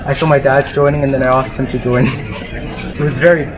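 A man's voice: mid-range voice, fairly even intonation, a little fast, a crowd in the background. A teenage boy, talking hesitantly in a casual interview. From Singapore. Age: teens. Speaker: retreat participant.

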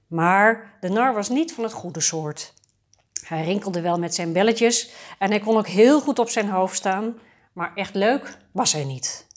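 A woman storyteller reads a fairy tale for adults aloud. Her delivery is calm and measured, at a middling pitch for a woman.

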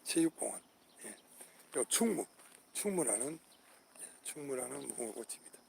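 An older man with a gravelly voice records a vlog in an outdoor park garden. He names each flower in turn, often repeating the name, and calls out to his viewers with patriotic enthusiasm. Faint crickets and insects chirp behind him. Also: medium pitch, animated, moderate pace, darkish tone, slight background noise. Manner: hearty patriotic appeals to viewers. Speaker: channel host.

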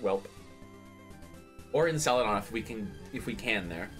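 Young man, game streamer, teasing banter, laughing, lively pitch, faint music underneath. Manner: teasing, quick comebacks, laughing. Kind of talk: casual let's play banter.

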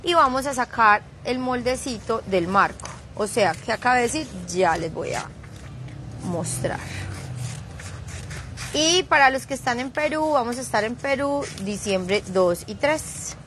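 A woman's voice: on the high side, animated, a little slow, noisy background. A woman leading a live craft tutorial, chatty and teasing, dropping playful sound effects as she works. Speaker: craft instructor streaming live.

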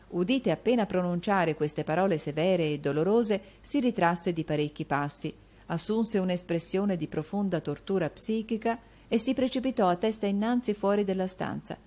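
A woman narrating a classic novel as an audiobook in a measured, even reading manner. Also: on the low side.

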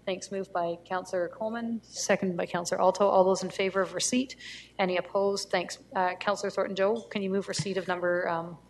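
A woman chairing a council meeting, running motions and votes in a brisk procedural way with some fillers. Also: medium pitch, steady tone. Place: council chamber. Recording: long reverb, faint room noise, council chamber.

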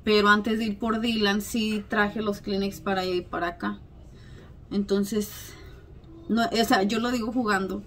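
A woman vlogger, chatting at home late at night, a little hoarse, self-mocking and full of fillers. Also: mid-range voice, fairly even intonation, measured pace, slight background noise. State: slightly hoarse. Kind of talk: casual chat to camera.

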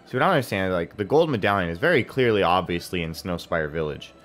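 A man's voice: low voice, animated, fast. A man commentating his game playthrough, swearing freely and ranting in exasperation. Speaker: let's play host. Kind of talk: gaming commentary. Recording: game music behind voice.

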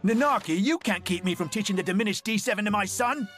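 A goofy rock star dad in a cartoon. He is flamboyant and exuberant, pitched high for a man and swinging up and down, with faint music behind him. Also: animated, fast talker, fairly bright tone. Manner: exuberant, showy, chuckling. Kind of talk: animated cartoon dub acting.

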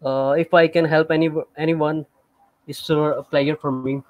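Casting: man, slightly higher voice, dry close sound, hesitant, filler-heavy, video-call mic. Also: flat delivery, normal speed, no echo, lo-fi sound. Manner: hesitant, many uh fillers, non-native grammar. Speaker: student participant. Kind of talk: casual online class chat.

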